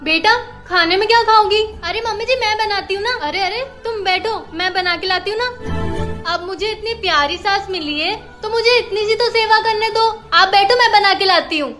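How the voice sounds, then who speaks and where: A young woman with a very high voice plays character after character in short comedy skits. Her delivery stays playful and expressive. Music runs behind her the whole time. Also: normal speed. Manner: playful, switches between characters. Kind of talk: comedy skit role-play. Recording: background music.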